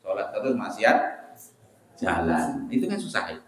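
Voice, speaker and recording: A man's voice: lowish voice, sing-song, normal speed. A man preaching a sermon in a mosque, talking conversationally and putting questions straight to the congregation. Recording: very echoey mosque hall.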